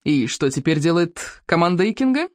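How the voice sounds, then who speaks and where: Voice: mid-range voice, very animated, normal speed, no room sound, clean studio sound, lightly acted. A reader doing a brash young Viking girl. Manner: brash, offhand, thrill-seeking.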